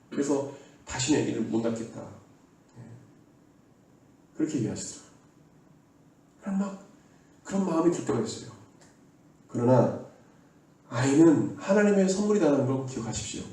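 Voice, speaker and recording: A man preaches a sermon in a warm, mellow voice, urging his listeners earnestly and having them repeat his words. He sounds far from the mic. The church hall around him echoes heavily. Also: fairly high pitch, animated, brisk, pauses often. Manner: earnest exhortation, leads the congregation in call-and-response. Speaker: pastor. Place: church sanctuary.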